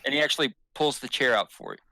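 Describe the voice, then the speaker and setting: A man's voice: mid-range voice, animated, fast, vocal fry, pushed and bright, no echo. A man narrating as game master in a tabletop game, rambling and hesitant with fillers.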